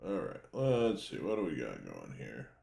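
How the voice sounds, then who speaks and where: A man's voice: rumbling low, huge pitch swings, normal speed, vocal fry, dark tone. A man giving casual, muttered, sometimes sweary commentary as he plays a game. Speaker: gamer playing and reading out a game.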